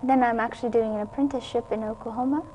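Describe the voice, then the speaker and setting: A woman's voice: fairly high pitch, fairly even intonation, racing, dark tone, highs cut off, slight background noise. A young woman, a student news co-anchor, chatting about her summer and introducing a college newscast. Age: young adult.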